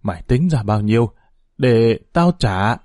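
An aggrieved old mother, voiced by a male storyteller who rants bitterly and shouts her grievances. The voice stays close to his own middle pitch, and the reading sounds dry and close. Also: animated, measured pace, dry recording, natural voice. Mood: wrathful. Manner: ranting, bitter.

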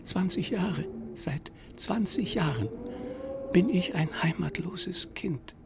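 An actor playing a genteel city gentleman in a radio play, reading his first-person account in a dramatic way. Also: mid-range voice, sing-song, unhurried, background noise. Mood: horrified. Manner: wry, then tense and dramatic. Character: genteel male city gentleman, rattled by a ghost.

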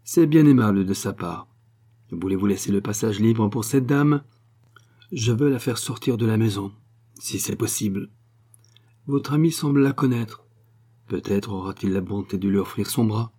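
A man's voice: on the low side, moderate pace, warm tone, breathy edge. Man doing a curt, stern baronet. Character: impatient stern English baronet, older man.

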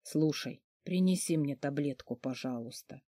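A woman reading an audiobook, voicing a feverish, sarcastic, crude hulking man in a low, hoarse, husky voice with a gruff, mocking manner. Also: moderate pace, dark tone, dry recording, studio quality. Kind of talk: audiobook character voice.

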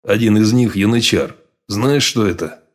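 A man doing a calm, growling mutant sage. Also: natural voice. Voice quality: low growling voice. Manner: calm, unhurried. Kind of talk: audiobook character voice.

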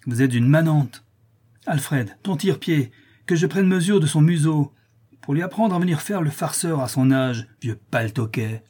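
A man voicing a coarse, sharp-tongued old woman concierge in a read-aloud novel. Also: a little high, animated, husky, pitched above the performer's own voice. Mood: scolding. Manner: scolding, quick insults.

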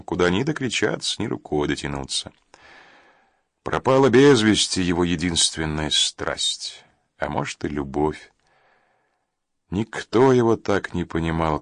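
A man reads a novel aloud in a measured, steady manner. His voice is very deep and gravelly, recorded close and dry with no room sound. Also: no echo. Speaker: audiobook narrator. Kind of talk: scripted narration.

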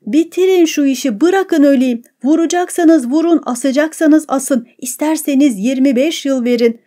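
A woman voicing a gaunt, terrified male prisoner who pleads and shouts frantically. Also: high voice, normal speed, voice pushed up, close to an everyday voice. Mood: desperate pleading.

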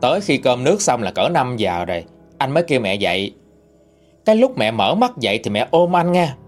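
A man tells a ghost story as if chatting to a friend. His pitch rides up and down with plenty of life, and soft music plays faintly underneath. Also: fairly quick. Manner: conversational, animated retelling. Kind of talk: storytelling narration.

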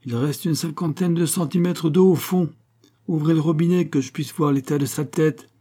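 A man reading the lines of a blunt middle-aged male police inspector, brisk and reasoning aloud, in an audiobook. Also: mid-range voice, mellow, husky, pitched above the performer's own voice, lightly acted. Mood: urgent.

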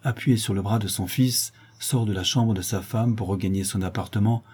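A man narrating a classic novel as an audiobook in a steady, literary storytelling manner. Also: fairly low pitch, moderate pace, breathy edge. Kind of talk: scripted narration.

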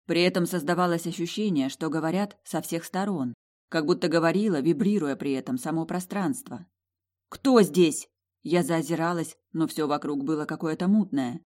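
A woman narrating a first-person fantasy audiobook in an emotive, expressive way. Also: sits low, brisk.

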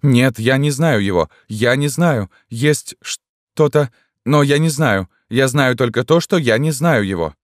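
A frightened, bewildered young woman , as a male reader plays her, pitched far above his own voice. She speaks in halting, distressed phrases. The reading is dry and close-miked. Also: darkish tone, no echo, natural voice.

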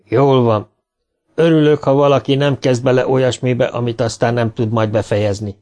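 A man voicing a burly, swaggering spaceship sailor in an audiobook, gruff and mocking. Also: mid-range voice, steady tone, a little mellow, natural voice. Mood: smug.

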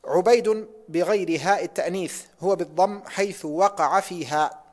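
A man's voice: high-pitched, normal speed, darkish tone. A man reading a hadith text aloud in a lesson, careful and precise, closing sections with pious formulas.

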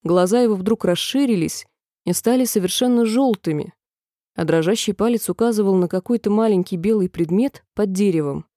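A woman narrating a children's storybook with gentle, expressive storytelling. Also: medium pitch, brisk, dry recording, clean studio sound.

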